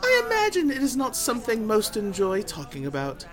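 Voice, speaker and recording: An actor playing a grandiose travelling bard in a fantasy audio drama, with florid old-fashioned speech and dramatic pauses. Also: medium pitch, huge pitch swings. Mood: ominous, boastful. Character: flamboyant, grandiose travelling bard, theatrical storyteller.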